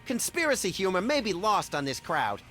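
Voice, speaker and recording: A performer voicing a hyperactive, gleefully mischievous little cartoon sidekick in a video game, excitable and impish. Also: mid-range voice, moderate pace, faint music behind. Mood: cheerful mischief. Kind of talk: video game character acting.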